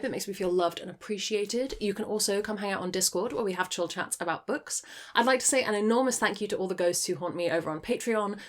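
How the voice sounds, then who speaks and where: A woman giving a casual, thoughtful book review to camera, thinking aloud as she goes. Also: medium pitch. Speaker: book reviewer and video host.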